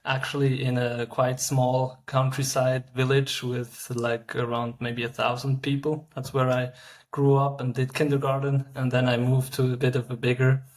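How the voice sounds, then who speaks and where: Man, 30s, founder guest; even, monotone, hesitant speech. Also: medium pitch. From Switzerland. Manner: halting, many fillers and restarts. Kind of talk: casual interview answers.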